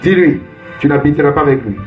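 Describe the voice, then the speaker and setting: Man, prophet, high-pitched, emphatic call-and-response preaching, soft music behind. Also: animated, quick pace, narrow, tinny audio. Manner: emphatic, repetitive call-and-response, exclaiming Alléluia.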